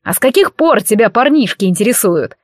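A woman's voice: on the high side, big pitch swings, fairly quick, dry recording, clean studio sound. A woman voicing a haughty, sarcastic male elf in armor in an audiobook. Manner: sarcastic, eye-rolling.

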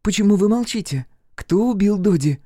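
A man voicing an emotional, quick-tempered young woman in a storybook reading, in a high, excitable and indignant voice. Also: dry recording, studio quality. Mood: anxious, demanding.

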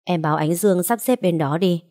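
A woman voicing a gentle, worried middle-aged husband who speaks quietly. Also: fairly low pitch, brisk, natural voice. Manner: quiet, calm.

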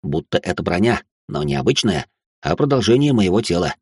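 A man's voice: lowish voice, big pitch swings, brisk, gravelly, a little mellow, slightly rough, no echo, clean studio sound. A man narrating an audiobook in a casual, slangy storytelling manner.

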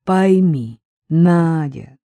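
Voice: mid-range voice, animated, very slow, dark tone, no room sound. An audiobook reader voicing an irritated husband who scolds his wife sarcastically during a quarrel. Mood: scolding. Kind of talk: audiobook character voice.

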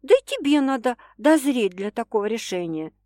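A woman's voice: fairly high pitch, big pitch swings, moderate pace, mellow, dry recording, clean studio sound, voice pushed up. A woman reading an audiobook, voicing a stubborn, teasing young woman in an indignant, insistent manner. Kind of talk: audiobook character voice.

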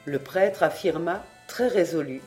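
A man's voice: fairly high pitch, unhurried. Male audiobook reader over faint music. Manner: lively voicing of quoted dialogue. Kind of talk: scripted narration.

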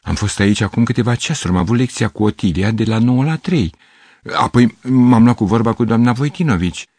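A man's voice: medium pitch, a little mellow, no echo, voice pushed up, close to an everyday voice. A man voicing a fussy, flustered middle-aged male piano teacher who rambles and over-explains.

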